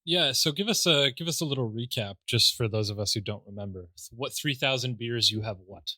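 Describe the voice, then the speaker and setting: A man co-hosting a podcast, teasing and quick with quips, swearing casually. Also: mid-range voice, pushed and bright, no room sound. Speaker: podcast co-host. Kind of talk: casual chat.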